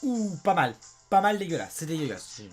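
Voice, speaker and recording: A young French man with a hoarse voice, chatting excitedly as he plays a game and talks to his viewers. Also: fairly high pitch, normal speed, faint music behind. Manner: chatty and excitable, often says "mes amis" and "abusé". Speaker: let's play host. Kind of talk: casual gameplay commentary.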